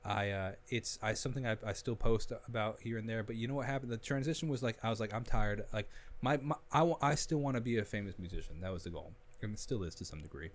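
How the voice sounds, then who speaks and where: Man, young adult, low voice, fast, animated storyteller, casual podcast chat. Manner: animated storyteller with frequent restarts. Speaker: podcast guest, musician. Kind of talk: casual conversation.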